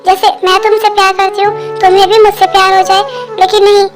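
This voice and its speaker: A self-blaming young wife, voiced by a woman, speaks softly and with resignation in a very high, flat voice. This fan dub has faint music underneath. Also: fast talker. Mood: resigned.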